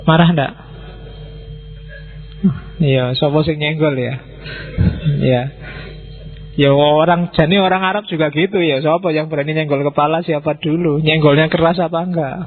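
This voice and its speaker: A man's voice: on the high side, fairly even intonation, narrow, tinny audio, faint music behind. Chatty man lecturing. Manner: chatty, teasing, mixes in Javanese words and acts out quick exchanges. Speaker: philosophy lecturer. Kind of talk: informal lecture to students.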